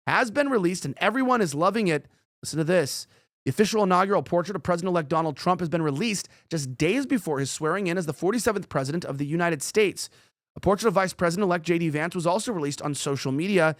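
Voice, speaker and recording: A male host of a news commentary show talks fast and rambles, tossing in sarcastic asides. His voice sits fairly high. The recording is dry and close. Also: fairly bright tone, no room sound.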